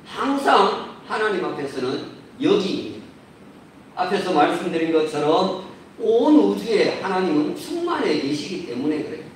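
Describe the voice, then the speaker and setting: A man preaching a sermon as a pastor, measured and building to emphatic points, recorded in a church sanctuary. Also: high voice, big pitch swings, slight background noise. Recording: roomy echo, distant mic.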